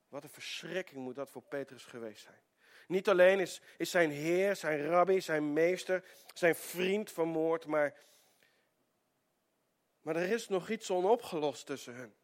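Guy preaching, earnest, trips over words, goes hushed, kinda high voice. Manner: earnest, stammering restarts, growing hushed. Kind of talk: sermon storytelling.

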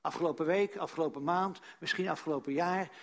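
A man preaching a sermon, earnest, repeating key phrases and dropping to a hush for emphasis. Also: on the high side, fairly quick.

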